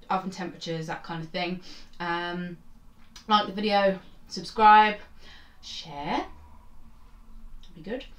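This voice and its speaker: A woman hosting a casual home cooking demonstration, chatty and hesitant with lots of filler words. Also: lowish voice. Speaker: cooking channel host. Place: home kitchen. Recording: echoey kitchen, mic far off.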